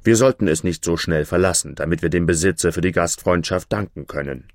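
A man voicing a strong, blunt blacksmith in a fairy tale, in a gruff, steady tone. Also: sits low, fairly quick, no echo, clean studio sound, natural voice.

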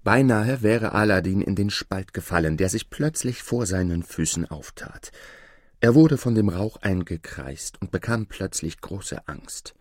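A man reading a fairy tale aloud in a calm, measured storytelling manner. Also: fairly low pitch, no echo, studio quality. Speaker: narrator.

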